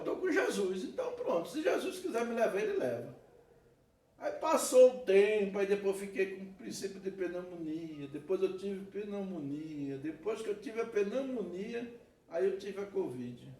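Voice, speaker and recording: A man with a Brazilian Portuguese accent, a pastor preaching an animated sermon with laughter and asides. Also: high voice, slight background noise. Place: church hall. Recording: echoey church hall, mic at a distance.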